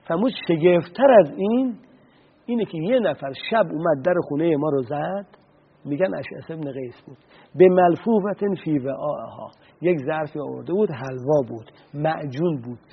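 This radio broadcast features a man giving an earnest religious talk, telling stories and interpreting Arabic sayings. His slightly high voice is animated, gravelly, and husky, and the sound is tinny and phone-like.

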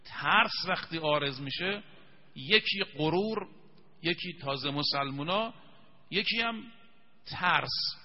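Man, preacher, emphatic storyteller, slightly high voice, dull lo-fi sound. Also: expressive. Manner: emphatic storytelling, slows to recite scripture. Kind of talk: televised religious sermon. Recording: dull lo-fi sound with long reverb.

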